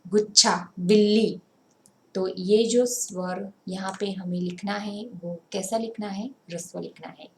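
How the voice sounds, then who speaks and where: Slow-explaining woman teacher, roomy sound. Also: medium pitch, steady tone, dark tone, slight background noise. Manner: slow, explanatory, pointing things out. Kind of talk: grammar lesson. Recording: roomy echo.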